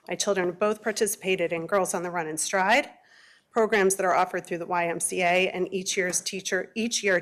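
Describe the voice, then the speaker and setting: A woman giving prepared public comment as a parent at a board meeting, earnest, measured and formal. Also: lowish voice.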